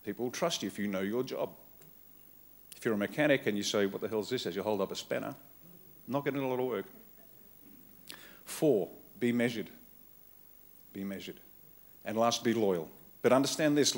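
A man's voice: on the low side, moderate pace, long pauses. A middle-aged man with an Australian accent, giving a rousing political keynote from a conference hall stage into a podium microphone, speaking in punchy, emphatic short phrases that he often repeats. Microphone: podium microphone on a stand.

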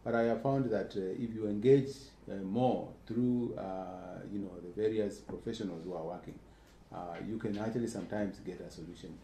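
A man giving an answer at a panel discussion, earnest and halting with many fillers, recorded in an echoey lecture room. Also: fairly low pitch, mellow. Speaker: keynote speaker on urban planning. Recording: echoey room, faint hiss.

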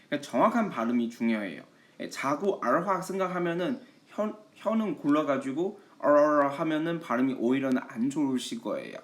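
A man gives an online language lesson. He talks slowly and patiently, with a lively pitch that rises and falls, and he often breaks in with short affirmations. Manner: patient, repeats "예" often, slow model readings of Chinese. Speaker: Chinese language teacher.

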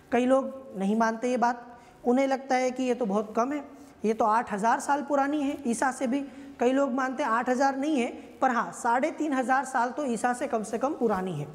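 A woman's voice: high voice, darkish tone, long reverb tail. A woman teaching an exam-prep history lecture, conversational and often checking in with her listeners.

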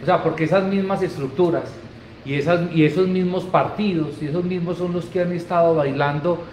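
A man's voice: fairly high pitch, fairly even intonation, a little fast, darkish tone, slight background noise. A man in his forties with an Antioquian Colombian accent, co-hosting a political talk show in an emphatic, colloquial way. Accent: Colombian Spanish, Antioquia. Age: 40s. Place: office studio, indoors. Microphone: desk microphone. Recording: echoey room.

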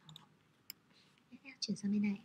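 A woman teaches Japanese characters, explaining a lesson over slides in a patient, friendly, step-by-step manner. Her voice is medium-pitched and slightly mellow at a normal pace, with slight background noise.

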